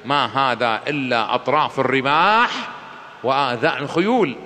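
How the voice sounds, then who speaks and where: A man voicing a calm, dignified male leader in a sermon, speaking lower and softer than his own preaching. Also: normal speed, natural voice. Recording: long hall reverb.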